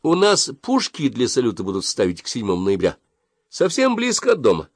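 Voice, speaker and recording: A man's voice: medium pitch, huge pitch swings, brisk, dry recording, voice pushed up. Guy doing a ringing sarcastic mom voice, jumpy and singsong, dry sound. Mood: sweet. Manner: sarcastic, sing-song. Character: sarcastic, lively middle-aged mother. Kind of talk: audiobook character voice.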